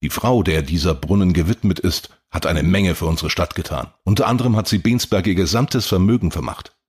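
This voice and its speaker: A man voicing a calm, chatty male antiquarian in an audiobook, explaining things at an easy pace. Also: low voice, a little fast, slightly rough.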